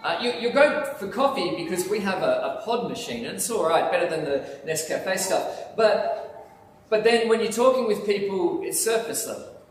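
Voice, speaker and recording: A pastor with a high voice preaches a sermon in front of the altar in a church sanctuary, animated and heavy on emphasis, at a moderate pace. He wears a lapel mic but is filmed by a distant camera, so the recording sounds echoey and far off in the church hall, with slight background noise.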